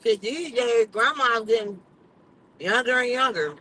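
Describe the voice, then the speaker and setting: A woman's voice: a little high, unhurried, bright, forceful tone, poor audio. A middle-aged woman chatting casually on a livestream, blunt and emphatic, swearing freely. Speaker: vlogger.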